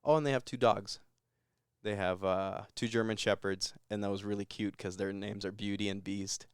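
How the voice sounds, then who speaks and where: A man's voice: fairly low pitch, fairly even intonation, moderate pace, clear, resonant tone, no echo. A man co-hosting a podcast, giving a rambling, laid-back recap of a movie in casual chat with chuckles. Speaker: podcast co-host.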